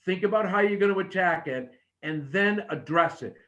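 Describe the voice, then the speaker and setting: A man's voice: sits high, expressive, normal speed, pushed and bright, dull audio. A man coaching wrestling promos with emphatic, short instructions and demonstrated lines.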